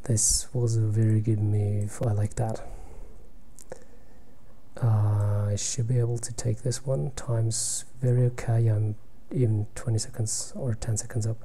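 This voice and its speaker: Playing online blitz, a chess player talks through his own game live, his fairly low voice holding a level tone. He's a soft-spoken native German speaker who thinks aloud haltingly, sinking to a near-whisper as he calculates, with a little background noise behind him.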